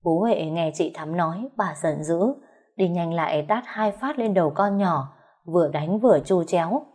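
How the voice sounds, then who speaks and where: Mellow-voiced woman narrating a story. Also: on the low side, normal speed. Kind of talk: first-person story narration.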